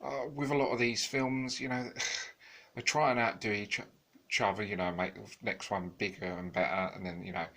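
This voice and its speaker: Rambling deep-voiced man reviewing films. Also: fairly even intonation, moderate pace, pushed and bright. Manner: rambling, many fillers and restarts. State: tired, yawning. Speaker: home video reviewer. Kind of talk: casual unscripted review.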